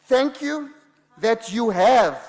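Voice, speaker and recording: A man's voice: extremely high pitch, lively intonation, takes it slowly. A man making an earnest debate speech in a provincial legislature, pressing on over interruptions. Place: legislative chamber. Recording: long reverb of a legislative chamber.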